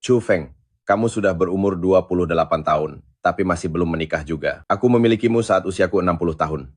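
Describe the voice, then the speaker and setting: Brief: an old rich family head, very low voice, quick and commanding. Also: male voice, darkish tone, husky. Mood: pleading. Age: older. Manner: commanding, orders staff about. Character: wealthy elderly patriarch, 88, eager for a grandson. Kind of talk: dubbed drama acting.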